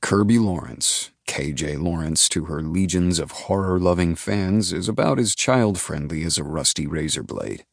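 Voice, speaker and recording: Very deep gravelly man narrating. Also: lively intonation, normal speed, few pauses, no room sound, studio quality. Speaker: audiobook narrator. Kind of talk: first-person scripted narration.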